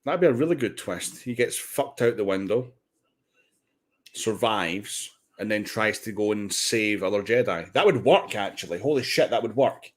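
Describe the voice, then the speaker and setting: Excitable low-voiced man chatting on stream. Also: normal speed. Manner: excitable, swears casually, restarts sentences. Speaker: livestream host. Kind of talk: casual watch-party chat.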